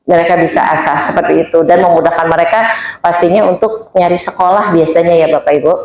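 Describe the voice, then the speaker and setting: A woman's voice: fairly low pitch, steady tone, quick pace, darkish tone. A woman presenting school programs to her colleagues at a staff meeting, speaking to them directly and going through her points in order. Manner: addresses colleagues directly, lists items in order. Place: school hall or meeting room. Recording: very echoey room.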